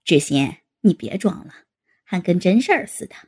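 A woman voicing an easygoing man in his forties in a read-aloud story, her voice dropped low and gravelly. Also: normal speed, heavily acted. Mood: amused. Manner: laughing, relaxed. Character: 43-year-old man, easygoing businessman.

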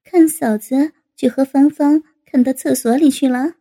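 A woman voicing a sharp-tongued, scolding middle-aged aunt in a read-aloud story, her voice high and gravelly. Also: unhurried, no room sound, studio quality. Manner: scolding, huffy.

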